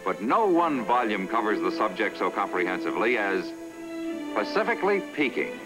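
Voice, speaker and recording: A man delivers a scripted announcer's introduction in a fairly low voice. His intonation rises and falls freely. Music plays clearly behind him on a 1960s television soundtrack. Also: expressive, fairly quick, poor audio.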